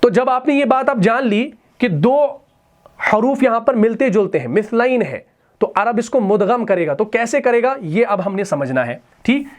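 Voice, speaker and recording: A man's voice: extremely high pitch, expressive, moderate pace. A man teaching Quran grammar in a classroom style, often putting a question to the class and then answering it himself. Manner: repeats key terms as questions to the students. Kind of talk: classroom lesson.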